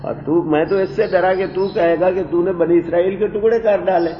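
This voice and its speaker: A man teaching a Quranic exegesis lesson, explaining Arabic grammar word by word in a calm lecturing way. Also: sits high. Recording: dull roomy recording with long reverb.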